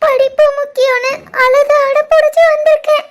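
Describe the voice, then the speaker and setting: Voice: extremely high pitch, little pitch movement, normal speed. A voice artist playing a young college woman putting on sobbing in a cartoon. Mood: tearful. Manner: sobbing, pleading. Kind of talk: cartoon voice acting.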